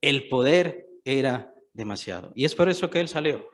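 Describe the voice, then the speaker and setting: A man's voice: medium pitch, lively intonation, normal speed. A man preaching a sermon, stressing points by repeating phrases and putting questions to the listeners.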